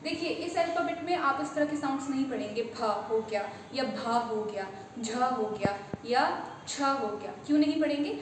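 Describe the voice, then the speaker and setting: A woman's voice: high-pitched, moderate pace. Woman, patient step-by-step teacher, far from the mic, faint background noise. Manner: patient, explains step by step and repeats letter names. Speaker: Urdu teacher. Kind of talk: beginner language lesson. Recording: echoey room from a distance with faint noise.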